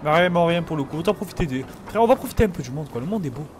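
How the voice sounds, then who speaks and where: A man's voice: on the high side, lively intonation, very fast, a little mellow, soft background music. A young man from France giving casual, jokey commentary while playing a video game, full of slang and banter. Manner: reads tutorial text aloud. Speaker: gamer streamer. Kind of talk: casual let's play commentary.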